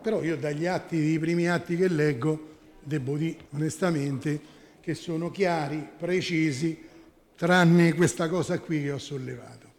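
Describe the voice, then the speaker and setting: A man's voice: fairly high pitch, fairly even intonation, measured pace. A man speaking as a town councillor in a formal council debate, arguing and often correcting himself. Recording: echoey council chamber.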